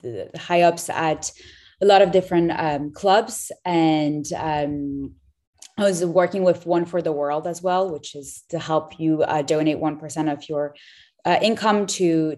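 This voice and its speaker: A young woman in her twenties talks as a podcast guest in a low, upbeat voice. She is chatty and quick to restart her sentences, with plenty of fillers along the way. Her tone is that of easygoing interview talk. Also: a little mellow. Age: 20s. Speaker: startup founder guest.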